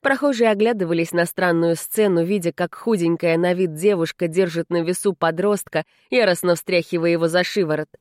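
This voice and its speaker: A woman narrating a fantasy audiobook in a measured, even way. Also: fairly low pitch, no echo, studio quality. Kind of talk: scripted narration.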